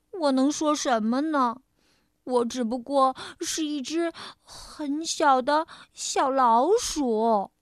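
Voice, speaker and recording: A woman storyteller and radio host, reading a children's picture book in a playful, expressive first-person voice. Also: sits high, no echo, clean studio sound.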